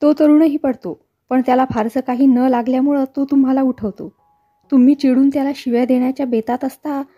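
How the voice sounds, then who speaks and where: A woman narrating a novel aloud in a steady storytelling manner. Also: sits high, slightly rough, lo-fi sound. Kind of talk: novel reading. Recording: faint background music.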